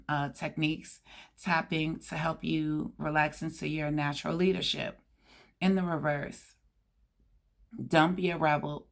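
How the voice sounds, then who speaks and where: A woman with a hoarse, scratchy voice giving a tarot card reading, reading out card meanings and chatting casually to her viewers. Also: low-pitched. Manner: reads card meanings aloud with chatty asides. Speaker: tarot reader.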